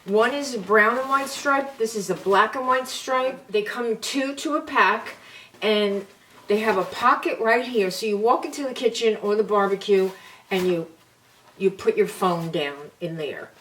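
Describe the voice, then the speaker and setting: Unhurried older New woman, distant mic. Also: medium pitch, a bit bright. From New York. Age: 70s. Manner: chatty, homey, shows items one by one. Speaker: beauty vlogger. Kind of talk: casual product chat to camera. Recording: slightly distant mic with faint hiss.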